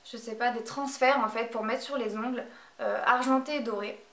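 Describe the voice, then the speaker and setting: A woman's voice: on the high side, steady tone, normal speed, fairly bright tone. A woman reviewing beauty products in a casual vlog, talking hesitantly with many filler sounds. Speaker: beauty vlogger. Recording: echoey room, voice from a distance.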